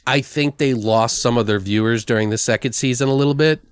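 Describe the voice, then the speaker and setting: Fairly quick and resonant, this man's clear mid-range voice comes through with no echo. As a podcast co-host, he casually rattles through horror film news with slang and swearing.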